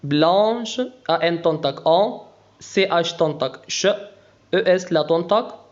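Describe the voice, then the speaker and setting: A man with an Egyptian Arabic accent teaches beginner French slowly, breaking words down sound by sound and spelling out pronunciation letter by letter. His voice is on the high side, and the recording is muffled.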